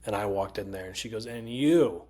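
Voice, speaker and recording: A male comedian with a Connecticut accent telling animated, profane stories in casual chat and mimicking other people's voices. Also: fairly low pitch, quick pace, husky. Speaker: comedian guest. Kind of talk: casual storytelling.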